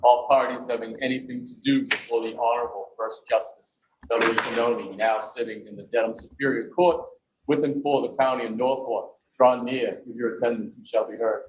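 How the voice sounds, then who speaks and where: A man's voice: mid-range voice, fairly even intonation, fairly quick. Male court officer, town crier style proclamation, formal, echoey courtroom with background noise.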